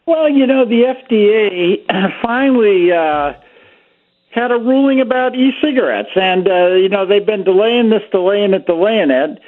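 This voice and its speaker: A Pennsylvania physician calls into a radio show and tells stories in an easygoing, chatty way. His voice sits high and moves at a moderate pace over a tinny phone line.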